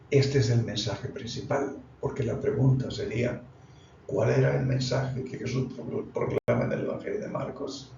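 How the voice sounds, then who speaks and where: A male pastor giving a slow, unscripted Bible lesson, deliberate and often correcting himself mid-phrase. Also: medium pitch, gravelly, warm tone. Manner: deliberate, with frequent restarts and self-corrections. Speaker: pastor teaching Bible study. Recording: distant, roomy, dull lo-fi sound with faint noise.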